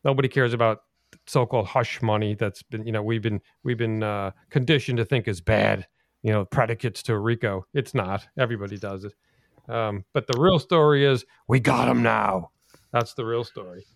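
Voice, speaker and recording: A man's voice: lowish voice, normal speed, creaky, no echo, clean studio sound. Rambling podcast host man. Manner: rambling, with frequent restarts and fillers. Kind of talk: casual chat.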